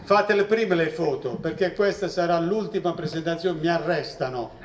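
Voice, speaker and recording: A man's voice: fairly high pitch, moderate pace, a little hiss or hum. A man, a professor telling funny stories at a public talk. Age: 60s. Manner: joking, lively storyteller who acts out voices in quotes. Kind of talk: humorous storytelling lecture. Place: event hall with seated audience. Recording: echoey hall, distant mic.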